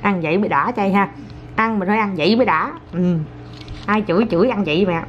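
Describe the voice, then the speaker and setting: A woman's voice: medium pitch, fast. A mother chatting at home with her toddler and her viewers, coaxing and playful, often laughing. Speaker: mother and vlogger. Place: home, indoors. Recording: dull lo-fi home video with faint noise.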